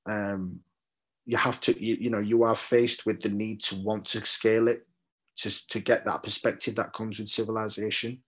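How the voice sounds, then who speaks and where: A Londoner with a British accent, this man speaks in a lowish, breathy voice at normal speed with little pitch movement. He's a poet giving a reflective interview, thoughtful and hesitant, often repeating words while he hunts for the right one.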